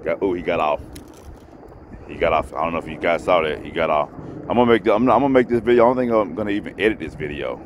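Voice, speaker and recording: Out on a grassy pond bank, a fishing vlogger talks casually to his viewers while he fishes, recorded on a head-mounted camera. He has a low-pitched voice and talks fast. There is faint outdoor noise behind him.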